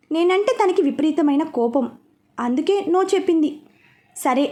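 A woman's voice: high-pitched, darkish tone. A woman reading a romance novel aloud, narrating it and speaking every character's lines herself. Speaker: storyteller. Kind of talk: audiobook narration.

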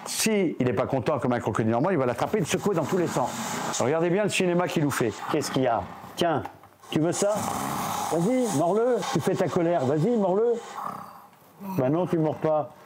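A man in his seventies, a reptile keeper, giving a lively casual tour and coaxing his animals in a higher voice. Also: fast, noisy background. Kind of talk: casual guided explanation.

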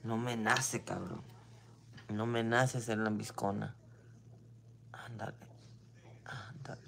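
A woman's voice: a bass voice, steady tone, slow pace, vocal fry, fairly bright tone. A woman with a Mexican accent venting in a casual monologue, blunt and full of slang and swearing, now and then dropping English phrases. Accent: Mexican Spanish.

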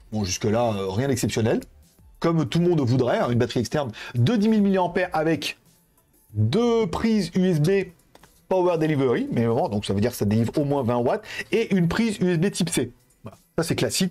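A man's voice: a little high, a little mellow. A young man chatting casually with viewers while hosting a live-stream giveaway, rambling and informal, with lots of fillers. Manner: addresses viewers directly.

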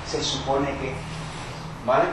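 Un hombre, trabajador social, que dirige un taller en una sala universitaria, hace preguntas al público y se ríe a menudo. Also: male voice, mid-range voice, slow pace. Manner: lively, questions the audience, laughs often. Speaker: social worker leading a workshop talk. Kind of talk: interactive workshop talk. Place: university library meeting room. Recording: echoey room, distant mic, background noise.

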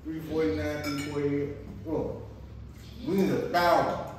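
In a fairly high voice with little pitch movement and a measured pace, a man co-hosting his family's vlog chats casually to camera at breakfast, full of playful banter and restarts. The sound is roomy and faintly noisy from a distant mic.

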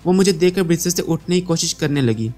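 A man narrating a long first-person story in a steady, measured way, with a somewhat high voice. Soft music plays faintly beneath his reading. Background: faint background music.

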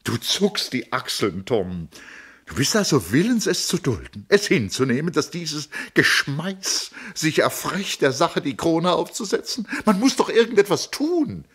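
A man's voice: very animated, unhurried, a bit bright, slightly rough, full character voice. A man reading a novel aloud, voicing a desperate middle-aged woman who pleads and sobs. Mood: pleading. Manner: pleading, sobbing, rising to high breaks.

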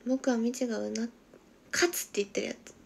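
Giggly young woman with a gravelly edge. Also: fairly high pitch, steady tone, fairly quick. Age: 20s. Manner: giggly, drops to a soft whisper while reading comments. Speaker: idol livestreamer. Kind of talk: casual livestream chat reading viewer comments.

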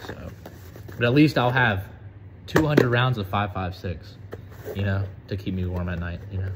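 An eighteen-year-old man from the United States chatting casually on a vlog, excitable, profane and rambling. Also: lowish voice, normal speed, heavy background noise. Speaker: vlogger.

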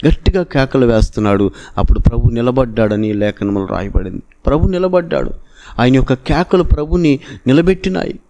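A man's voice: mid-range voice, animated, a little fast, warm tone. A man preaching a sermon with a Telugu accent, retelling a Bible story in an earnest way that rises to emphatic exclamations.

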